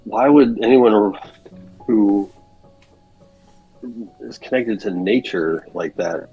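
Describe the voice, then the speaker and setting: A man takes part as a player in a tabletop role-playing game, asking questions and working through theories aloud. His voice is fairly low and husky. Faint music sits under the talk. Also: slow, lo-fi sound.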